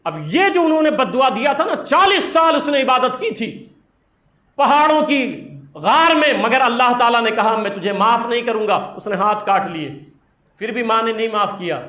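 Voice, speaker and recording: A male preacher with a very high, sharply bright voice delivers an impassioned sermon, driving points home through repetition. His voice rings out in a roomy, echoing hall. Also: lively intonation. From India. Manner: impassioned storytelling with emphatic repetition. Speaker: Islamic preacher.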